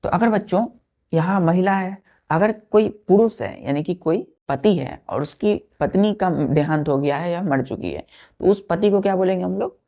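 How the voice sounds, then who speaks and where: A woman's voice: on the low side, normal speed, mellow. A woman teacher gives a vocabulary lesson, spelling words letter by letter and counting aloud. She repeats each word and keeps checking that her students follow.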